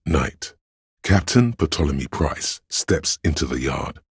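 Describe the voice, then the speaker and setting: In a clean, dry studio recording, a man voices a video game's grave, all-knowing inner voice of police camaraderie. His very deep, gravelly and husky voice is animated and exaggerated, while the narration stays solemn, measured and literary. The mood is brooding and measured.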